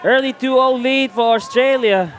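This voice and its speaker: A man's voice: extremely high pitch, normal speed. A man calling the play-by-play of a live outdoor match, his voice rising as the plays unfold. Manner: calls the action, rising when plays happen. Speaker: play-by-play commentator. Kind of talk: live sports commentary. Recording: loud crowd and outdoor noise behind.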